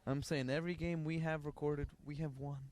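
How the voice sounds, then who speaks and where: A man's voice: a little high, steady tone, a little fast, a little mellow, slight background noise. Chatty young man commentating baseball. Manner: chatty, jokey, breaks into playful singing. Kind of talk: casual play-by-play commentary.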